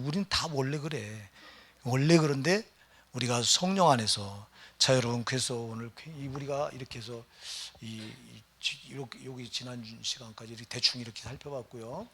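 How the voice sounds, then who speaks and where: A man's voice: mid-range voice, a bit bright, slightly rough. A middle-aged man, a pastor, preaching a sermon in a conversational way and often putting questions to the congregation. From Gyeonggi Province, Korea.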